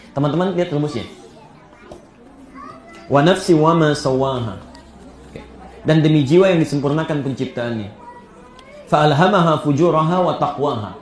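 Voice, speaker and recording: A man preaching a sermon, telling stories with animated, rising emphasis. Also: mid-range voice. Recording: echoey room.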